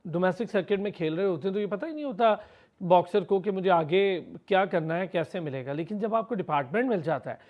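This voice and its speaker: High-voiced man asking long questions. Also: a little fast, lo-fi sound. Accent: Pakistani Urdu. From Pakistan. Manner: long, multi-part questions with warm praise. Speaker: interviewer. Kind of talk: TV sports interview.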